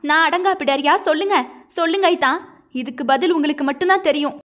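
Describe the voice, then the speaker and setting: A woman's voice: sits high, fast, fairly bright tone, highs cut off. A woman voicing a grieving young wife, impassioned and pleading through tears. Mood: anguished.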